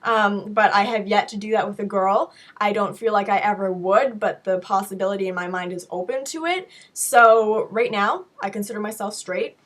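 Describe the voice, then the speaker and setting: A woman's voice: mid-range voice, moderate pace, hardly any pauses. A young woman with a voice affected by being sick, answering questions in a frank, casual vlog style with playful asides. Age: young adult. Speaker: video blogger answering viewer questions. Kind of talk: casual chat to camera, Q&A.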